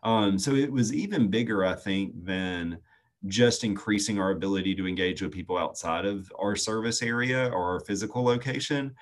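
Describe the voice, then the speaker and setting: A man speaks in an interview. He explains things earnestly and steadily. He often pauses on "um" as he thinks. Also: lowish voice. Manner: earnest, measured, frequent "um" fillers. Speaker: youth nonprofit staff guest. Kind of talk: conversational interview answers.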